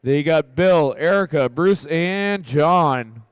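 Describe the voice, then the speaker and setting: Clear-voiced man calling races in clipped phrases. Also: on the high side, animated, slow, no room sound, studio quality. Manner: short clipped calls, often repeated. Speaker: race announcer and race director. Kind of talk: live race calling over a PA at an RC car race.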